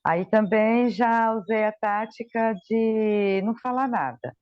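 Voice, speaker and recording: A woman's voice: a little high, takes it slowly, clear, resonant tone, dry recording. A woman joins a group workshop by video call and talks hesitantly, with many fillers. Her audio is muffled and dull. The sound is dry and close. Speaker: workshop participant. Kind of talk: casual chat.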